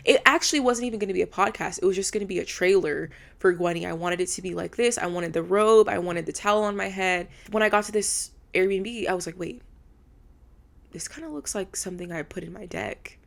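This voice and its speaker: A woman's voice: mid-range voice, fast talker, vocal fry, hardly any pauses. A woman in her twenties hosting a solo podcast from an apartment room, talking candidly and heartfelt, swearing freely. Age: 20s. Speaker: podcast host. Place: indoors in a rented apartment room.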